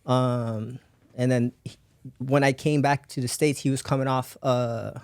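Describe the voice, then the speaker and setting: A man's voice: medium pitch, steady tone, unhurried, a little mellow, no room sound. A man raised in Belgium, a podcast guest telling his life story in casual rambling talk with many fillers and frequent laughs.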